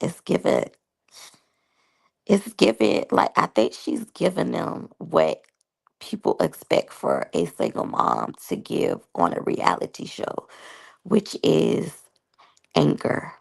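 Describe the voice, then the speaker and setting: In her thirties, a woman talks straight to her viewers, candidly reviewing a reality show and sharing personal stories in a chatty way. Her low, gravelly voice has a breathy edge, swings hugely in pitch, and moves slowly. The audio quality is poor.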